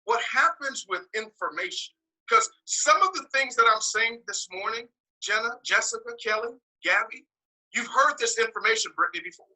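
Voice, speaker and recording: A man preaches a morning message with a husky, breathy grain to his voice and a sharp, forceful push behind every line. He leans hard on repetition and slips in joking asides, and he was born in the US and raised partly in Nigeria. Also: very high voice, expressive, moderate pace, poor audio. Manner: emphatic, repeats key words, joking asides. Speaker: speaker giving a morning message. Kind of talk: preaching to a congregation.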